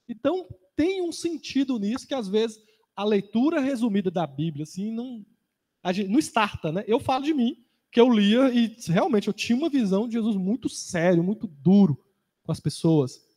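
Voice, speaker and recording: A man with a Brazilian Portuguese accent speaking in a Bible class, relaxed and conversational, sharing personal experience. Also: high voice. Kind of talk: casual Bible class talk. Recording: reverberant hall.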